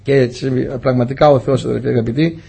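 A man's voice: mid-range voice, fairly even intonation, creaky, warm tone, slightly rough. A man preaching a testimony sermon, telling his story earnestly and often turning to address the congregation as dear brothers.

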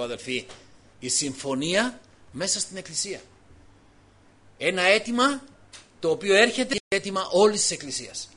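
A man preaching an impassioned sermon as pastor, swinging between hushed, intimate passages and loud calls, with frequent alleluias. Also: sits high.

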